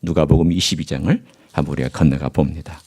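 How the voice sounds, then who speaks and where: A man's voice: rumbling low, steady tone, quick pace, darkish tone, slightly rough. A male pastor delivering a sermon in a church, reading scripture aloud and putting rhetorical questions to his congregation. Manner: reads scripture aloud in formal biblical diction. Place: church sanctuary.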